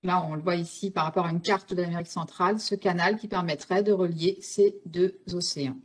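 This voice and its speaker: A woman's voice: fairly low pitch, steady tone, fairly quick. A woman giving an online illustrated history talk, explaining step by step with frequent fillers and self-corrections. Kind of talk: spontaneous illustrated lecture.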